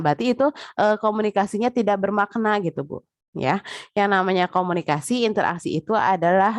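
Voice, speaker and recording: Female lecturer, chatty and direct, mid-pitched, dry close sound. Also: dry recording. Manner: chatty, repeats filler tags, addresses listeners directly. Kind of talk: casual spoken lecture.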